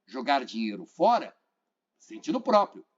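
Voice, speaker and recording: A man's voice: medium pitch, moderate pace, breathy edge. Brazilian guy teaching grammar, keeps asking the viewer stuff and repeating himself, kinda muffled lo-fi audio. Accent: Brazilian Portuguese. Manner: animated, questions the viewer, repeats phrases. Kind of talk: exam-prep grammar lesson. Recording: dull lo-fi sound.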